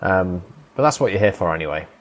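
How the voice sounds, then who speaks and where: A man's voice: deep voice, fast talker. A man hosting a podcast informally in a blunt, sweary, wry way, with an electric fan running. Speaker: podcast host. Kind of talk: informal podcast introduction and interviewing. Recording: steady fan noise behind voice.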